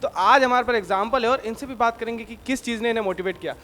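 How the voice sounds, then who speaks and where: A man reporting from a blood donation camp, addressing viewers and briskly questioning donors. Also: very high voice, pushed and bright, big-room sound. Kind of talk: fast on-location interview.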